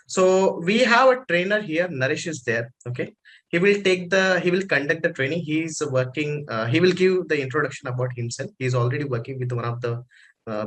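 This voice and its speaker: A man with an Indian accent hosts an online training session informally, speaking haltingly and often repeating himself. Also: medium pitch, a bit bright. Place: online conference call.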